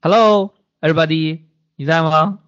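A man's voice: on the high side, steady tone, measured pace, a bit bright, dry recording, highs cut off. A man hosting an online voice-chat show, joking and bantering with the guests and swearing casually. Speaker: livestream host.

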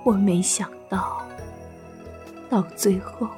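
In a Chinese costume audio drama, a woman plays a Buddhist nun master who is gentle and sorrowful, with a measured, wistful delivery. Her voice is medium-pitched and steady, lightly acted, over soft background music.

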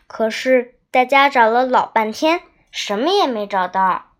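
A young girl reads a children's diary story aloud, leaning into every line with a dramatic storybook delivery. Her voice sits a little high, and she takes her time, stretching out words. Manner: expressive, dramatic storybook reading with drawn-out words.

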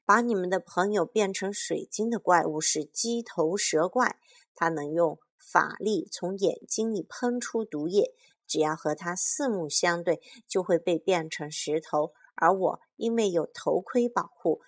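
A woman voicing a proud male knight of the Round Table in a storybook, speaking slowly and solemnly. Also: fairly low pitch. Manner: slow, solemn, boastful.

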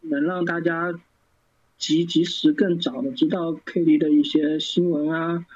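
A man with a husky, slightly high voice answers questions as a podcast guest. He talks casually and keeps stumbling and restarting words. The recording sounds dull and lo-fi. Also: fairly even intonation, darkish tone. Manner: halting, many stammered restarts. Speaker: guest, fan site founder. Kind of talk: casual interview talk.

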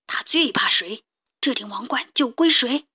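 A woman voicing a cunning male lion in a storybook, slow and deliberate. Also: high-pitched, lively intonation, bright, forceful tone, heavily acted. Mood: whispering. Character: cunning male lion, self-assured leader.

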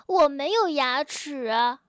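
A woman voicing an excitable, toothless young male frog who squeals when he is happy. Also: sits high, takes it slowly, no room sound, studio quality, full character voice. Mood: excited.

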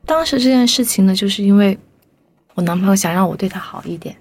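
A woman's voice: medium pitch, quick pace, husky. Young woman telling a personal story. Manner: lively, animated, briefly voices the people she quotes. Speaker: storyteller guest.

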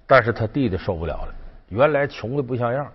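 A man's voice: mid-range voice, expressive, fast talker, breathy edge. A man telling a folk legend in a chatty, colloquial storytelling style with folksy asides. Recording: dull lo-fi sound.

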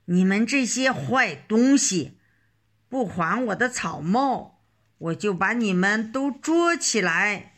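A woman voicing a flustered, angry old male straw-hat peddler in a children's story, scolding and shouting. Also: fairly high pitch, very animated, takes it slowly, long pauses, exaggerated voice.

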